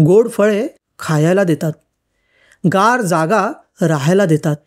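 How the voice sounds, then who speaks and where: A woman reading an old school-textbook story for children aloud, in a lilting, expressive storybook manner. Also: mid-range voice.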